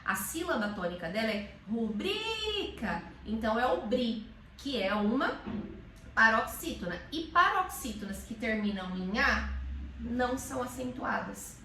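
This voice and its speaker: A woman teacher explains in a lively, animated way, her pitch slightly high and swinging widely. She calls words out aloud as she demonstrates. She sits a little back from the mic in an echoey room. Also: moderate pace, far from the mic, slight background noise. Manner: animated, demonstrates sounds by calling out. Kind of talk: casual explanatory chat.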